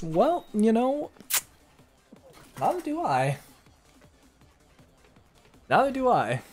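A young man streams a game and talks with his viewers in a playful, animated way, hums little tunes and reads chat aloud. His voice sits a little high for a man and swings widely in pitch. Faint music plays behind him. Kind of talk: live gameplay commentary.

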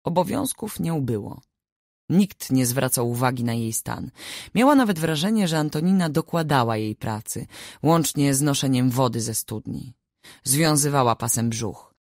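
A woman narrating a family saga audiobook in a measured, expressive reading on a close studio mic. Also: extremely low pitch, dry recording. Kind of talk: scripted narration.

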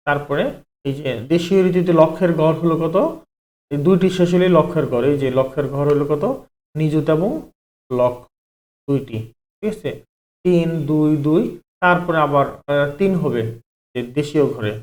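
In an online math class, a man with a higher-pitched, darkish voice explains each step at normal speed, leaving long pauses. He asks himself questions, answers them, and keeps repeating "ঠিক আছে".

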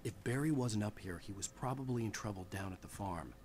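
A man voicing a calm, low game narrator. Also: fairly quick, slight background noise, natural voice. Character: male writer hero, dry narrator.

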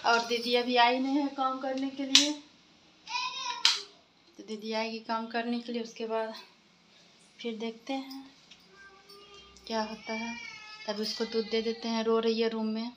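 A woman vlogger chats casually at home, holding her phone at arm's length as she moves through the kitchen and bedrooms. Her voice is fairly high and flat, a little slow with long pauses, and the background is noisy. Between remarks she talks to her children.

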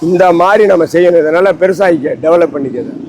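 A man's voice: high voice, quick pace, very noisy. A man speaks as an ascetic holy man, outdoors beneath a tree. His talk is rambling and preachy, circling back to his grievances as he lectures. It is an impassioned interview monologue. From Tamil Nadu.

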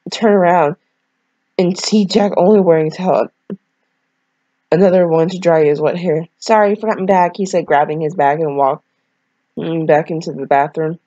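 A young woman with a low, warm voice reads fan fiction aloud, adding casual, rambling commentary that is blunt and full of swearing. She often cuts herself off mid-thought. The recording is dry and muffled.

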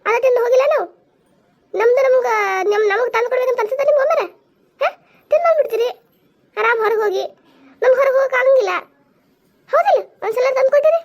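Lady voicing a squeaky village wife in a cartoon, nags fast and scolds nonstop. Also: fairly even intonation. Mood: complaining. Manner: nagging, complaining, quick scolding. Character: scolding village wife of a drunkard, middle-aged. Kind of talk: cartoon comedy voice acting.

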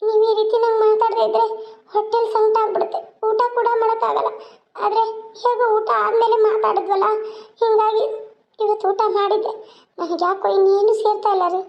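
A woman voicing a young orphaned wife in a cartoon, gentle and imploring. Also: very high voice, little pitch movement, fairly quick, gravelly, dull audio. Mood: pleading. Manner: tearful, imploring.

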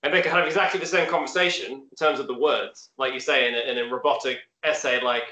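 A man's voice: mid-range voice, fairly even intonation, quick pace, bright, forceful tone. A man with a Northern English accent from Hull, hosting a casual conversation in a rambling, hesitant way and laughing at himself. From Hull, North of England. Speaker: host. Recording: roomy echoey recording.

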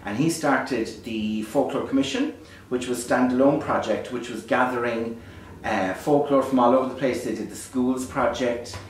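A man's voice: medium pitch, very echoey. Man, Irish accent, lilting storyteller, reflective casual delivery, distant microphone, faint background noise. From Ireland. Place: beside a small fire in a dark stone hearth. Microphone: distant camera microphone.

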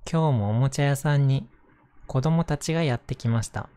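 Soothing male bedtime storyteller, mellow tone, gentle picture-book narration. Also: mid-range voice, a little fast, smooth. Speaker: storyteller reading picture books aloud to listeners.

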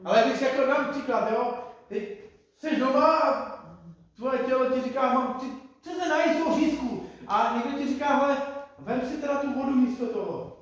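A middle-aged man preaching an informal sermon in a conversational way, repeating phrases and talking straight to his listeners. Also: extremely high pitch. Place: church hall. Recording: echoey room, distant mic.

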